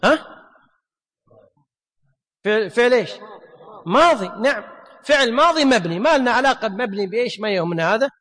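A man with a high voice teaches a grammar class. He fires quick questions at his students and stretches out example words slowly. His voice rings with a long reverb from a large room. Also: expressive, fairly bright tone.

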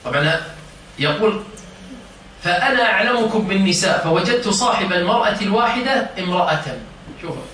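A man's voice: sits high, lively intonation, a little fast, long pauses, pushed and bright. A man teaching a religious lesson, quizzing his listeners and explaining the meanings of words. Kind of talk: informal lesson to a seated circle. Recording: echoey room, distant mic, faint noise.

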